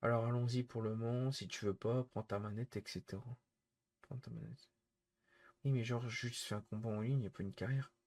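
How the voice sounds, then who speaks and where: A man's voice: medium pitch, steady tone, brisk, hardly any pauses, a little mellow. A man streaming live, scolding his chat in an exasperated, repetitive rant.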